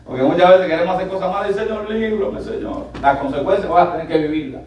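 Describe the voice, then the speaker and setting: A male pastor preaching a sermon, animated and building up to loud exclamations, recorded in a church sanctuary. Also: a little high, rapid-fire, distant mic. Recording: echoey church hall miked from afar.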